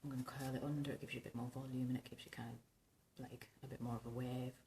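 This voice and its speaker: An extremely deep, dark, smoky voice, husky and rumbling from tonsillitis she's recovering from, belongs to a vintage hairstyling vlogger. She talks at a quick pace with little pitch movement, rambling informally through a tutorial to camera. Her small home bedroom is echoey with clear background noise.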